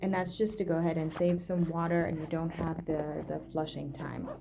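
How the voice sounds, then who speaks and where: A young woman gives a casual tour of her small apartment, chatting with many "um" pauses as she moves from room to room. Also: low voice, flat delivery, creaky, noisy background. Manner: chatty, many "um" pauses, walks through rooms while talking. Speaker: vlogger giving a home tour. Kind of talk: casual house tour narration.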